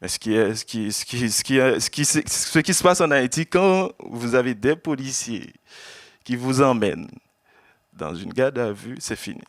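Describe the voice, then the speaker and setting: A man from Haiti, an exiled journalist giving an earnest personal testimony to an audience, often halting and repeating words. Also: medium pitch, animated, dry recording, clean studio sound. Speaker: exiled journalist speaking at an event.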